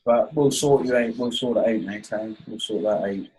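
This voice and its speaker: A man's voice: fairly low pitch, normal speed, warm tone, slight background noise, low-quality recording. A man with a Norfolk, East Anglian accent hosting an informal online coaching session in a matey way. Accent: Norfolk, East Anglian English. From Norfolk, England. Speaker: webinar host and coach. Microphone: online webinar call.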